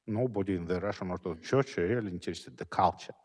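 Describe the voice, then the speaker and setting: A man on an academic panel speaking haltingly, often groping for the next word. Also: low voice, darkish tone. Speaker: lecture speaker. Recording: reverberant lecture hall.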